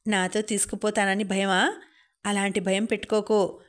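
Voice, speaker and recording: This is a playful, talkative young woman who likes to tease her friend, voiced by a female audiobook reader. She chats lightly in an even, level voice with a middling pitch. It is read as one character in a narrated story. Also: moderate pace, close to an everyday voice. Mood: teasing. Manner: playful, chatty.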